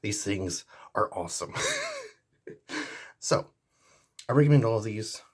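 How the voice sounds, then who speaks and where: A man's voice: lowish voice, lively intonation, measured pace, slightly rough. A man reviewing pocket pliers in a casual, rambling vlog. He is easygoing, with many fillers and restarts. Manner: jokey sign-off.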